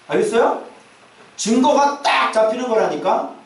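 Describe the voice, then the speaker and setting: A male pastor preaches to his congregation in a church sanctuary, firing off constant rhetorical questions and casual asides. His voice is extremely high, creaky and animated at a moderate pace. The recording is very echoey, with the mic far off in the church hall.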